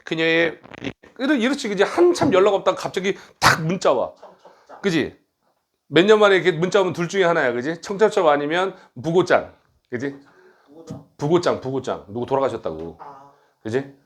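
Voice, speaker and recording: A middle-aged man directing his academy and teaching a grammar lecture, brisk and blunt, teasing his students and tagging on quick questions. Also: a little high, big pitch swings.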